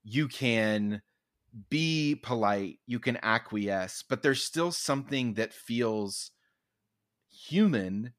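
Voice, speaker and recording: A man's voice: medium pitch, lively intonation, takes it slowly, dry recording, clean studio sound. A man co-hosting a comedy podcast, talking casually with lots of restarts and playful mock quotes of his own thoughts. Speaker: podcast co-host. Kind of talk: casual chat.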